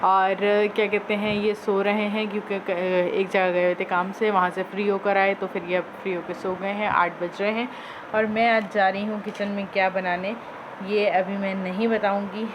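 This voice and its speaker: A woman's voice: medium pitch, flat delivery, moderate pace. A woman from Pakistan talking through her home cooking in a casual, rambling way, full of fillers and restarts. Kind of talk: casual chatty narration. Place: home kitchen. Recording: slightly dull home recording with noise. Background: pet parrot squawking.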